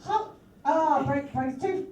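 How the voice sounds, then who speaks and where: Playing a happy tooth fairy who serves animals, a woman rambles playfully through an improvised bit full of fillers at a live comedy show. Her high voice goes slowly, and the distant mic in the echoey room picks up a loud crowd, making it very noisy.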